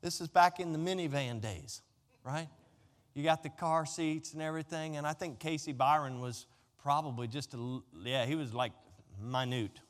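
Rhetorical questions, repetition and storytelling run through this sermon from a middle-aged American pastor, who speaks conversationally but emphatically. His pitch is fairly high and his pace moderate.

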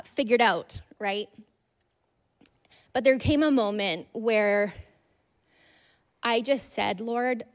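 A woman telling a personal faith story to a congregation, earnest and conversational, with frequent "like"s and soft laughs. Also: medium pitch. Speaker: speaker sharing a testimony. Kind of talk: personal testimony in a church talk.

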